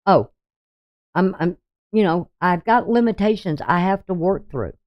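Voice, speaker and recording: An astrologer in their sixties gives a casual daily reading over the day's chart, rambling and hesitant with frequent ums, trailing off and restarting often. The middling-pitched voice is expressive and a little slow, and the recording sounds dull and lo-fi.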